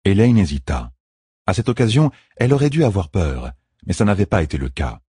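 Male narrator, audiobook, expressive storytelling, husky voice, dry close sound. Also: sits low, brisk, no room sound. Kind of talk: scripted narration.

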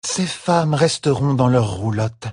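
A man's voice: medium pitch, lively intonation, measured pace, a little mellow, husky, no room sound, clean studio sound, pitched above the performer's own voice. A man voicing an imperious young noblewoman in an audiobook, giving clipped, haughty orders. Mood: commanding. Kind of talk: audiobook character voice.

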